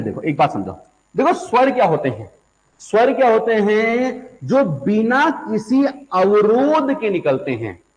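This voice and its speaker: A man with a fairly high voice teaches a grammar class, patiently going over every point more than once. He keeps checking whether his students have understood and calls them "beta". The sound has a long, echoing reverb. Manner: explains by repeating each point several times. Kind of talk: online Hindi grammar class.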